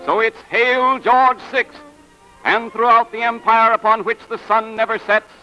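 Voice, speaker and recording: A man delivers old newsreel narration in a grand, declamatory manner. His voice sits high for a man. Loud music plays under the whole soundtrack. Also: fairly even intonation, unhurried, highs cut off.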